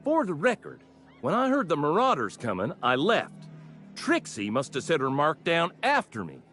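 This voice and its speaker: An actor playing a brash, hotheaded salvager in a video game, blustering and indignant. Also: male voice, on the high side, huge pitch swings, normal speed, fairly bright tone, soft background music. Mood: defensive. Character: brash squabbling male salvager, hotheaded drinker.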